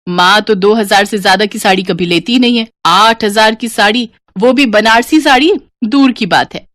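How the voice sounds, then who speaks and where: A woman's voice: mid-range voice, normal speed, fairly bright tone, no echo, studio quality, natural voice. A woman voicing a playful young woman who loves saris, talking in a chirpy, cheeky way.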